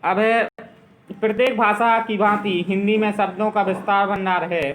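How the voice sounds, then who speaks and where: A man teaching a school grammar lesson, explaining slowly and repeating his examples. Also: sits high, steady tone, a bit bright, low-quality recording.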